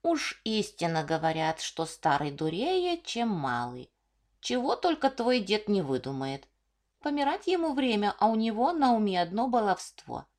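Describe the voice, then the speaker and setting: A woman voicing an old, fat, stingy female ground beetle in a storybook reading, squeaky and scolding. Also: sing-song, moderate pace, a little mellow. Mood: scornful.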